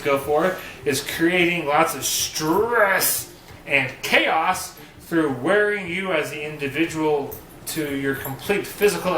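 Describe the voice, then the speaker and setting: A man's voice: medium pitch, bright, forceful tone. A man giving casual advice to viewers in a rambling, joking, conversational way. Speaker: vlogger giving boot camp advice. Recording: roomy echo, faint hiss.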